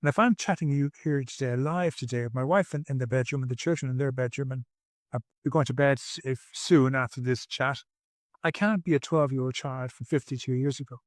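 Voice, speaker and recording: A man's voice: mid-range voice, fairly quick, no room sound, studio quality. A man in his sixties, a podcast guest at home, telling his personal story in an earnest, reflective way with frequent restarts. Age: 60s.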